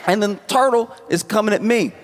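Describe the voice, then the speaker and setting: A man telling stand-up comedy stories to a live audience in a conversational way, often repeating phrases haltingly for emphasis. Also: sits high, a faint crowd. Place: live venue on stage. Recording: echoey hall with audience noise.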